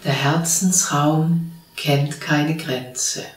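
Female meditation teacher, unhurried and soothing delivery, distant mic, echoey room. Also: sits low. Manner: slow, calm spoken instructions with long pauses. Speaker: spiritual teacher leading a meditation. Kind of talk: guided meditation. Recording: roomy sound from a distant mic.

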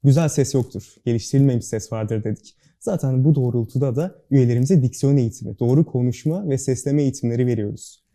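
A man's voice: mid-range voice, fast, dark tone. A young man answering interview questions as a student club guest, speaking with careful, precise diction in an earnest, formal manner. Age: young adult.

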